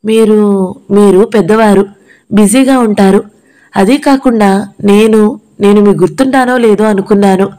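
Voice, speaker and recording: A woman voicing a gentle young woman who speaks softly and hesitantly. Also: mid-range voice, a little slow, pauses often, close to an everyday voice. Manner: soft, pleading, hesitant.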